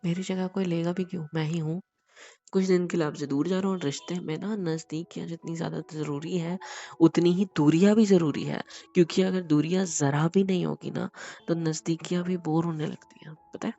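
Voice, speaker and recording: A man's voice: a little high, fairly even intonation, normal speed, gravelly, warm tone, lo-fi sound. A man playing a tender teasing young husband. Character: affectionate teasing young husband, soothing his wife. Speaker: husband in a romantic audio drama. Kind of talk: intimate romantic audio drama.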